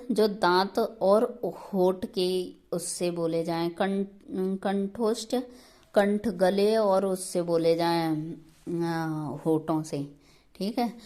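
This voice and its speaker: A woman's voice: lowish voice, a little mellow. A woman teaching an exam prep grammar lesson, explaining patiently step by step and checking in often.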